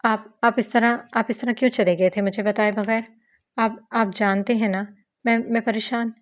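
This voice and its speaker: A woman's voice: fairly high pitch, fairly even intonation, close to an everyday voice. A woman voicing an emotional young wife who stammers, in an audiobook novel reading. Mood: tearful. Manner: stammering, halting speech. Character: emotional young wife, tearful then shy and playful.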